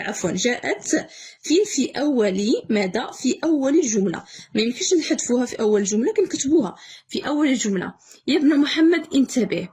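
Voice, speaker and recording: Brief: young Moroccan woman teacher, fast husky delivery, quizzes herself aloud on grammar rules. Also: on the high side, a little mellow. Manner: repeats key words, asks and answers own questions. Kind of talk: exam correction lesson.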